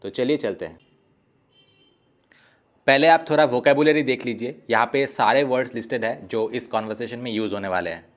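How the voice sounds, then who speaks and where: A male teacher giving an online language lesson, with a voice pitched in the ordinary middle range for a man. He explains grammar patiently, step by step. He slows right down to draw out each example word when modelling pronunciation. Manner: slow, drawn-out model pronunciation of example words.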